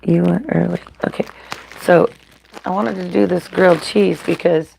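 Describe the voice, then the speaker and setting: A woman hosts a casual mukbang live-stream at home, cooking and eating at a griddle, reading viewer comments aloud and often dropping to a whisper, all through a computer mic with a little hiss or hum. Her voice is on the low side, steady and warm, with vocal fry and a moderate pace.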